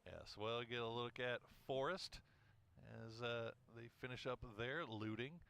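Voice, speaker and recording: A man giving live esports play-by-play as a caster, relaxed and full of filler pauses. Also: medium pitch, gravelly, smooth. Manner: relaxed, uses many filler uhs. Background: music.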